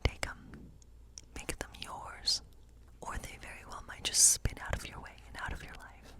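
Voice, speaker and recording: A woman whispers her way through a tarot reading as a kindly witch of the woods in this ASMR role-play. Her breathy delivery is slow and unhurried, her manner thoughtful and comforting.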